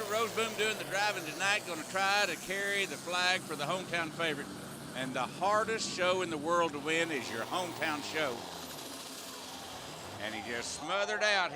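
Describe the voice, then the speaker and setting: A man calling a tractor pull as an announcer, in a folksy, colloquial way with clipped phrases. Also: fairly high pitch. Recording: loud engine and vehicle noise. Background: roaring engines, outdoor vehicle noise.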